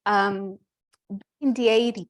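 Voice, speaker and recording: A woman gives closing remarks on a conference panel. Her voice sits at a middle pitch. She talks in a relaxed, conversational way, with a few fillers. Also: takes it slowly.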